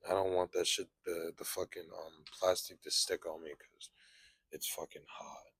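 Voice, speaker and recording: A man's voice: sits low, flat delivery, normal speed, a bit bright, slightly rough, no room sound. A young man hosting a podcast, chatting casually with lots of profane slang. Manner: laid-back, profane slang. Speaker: podcast host.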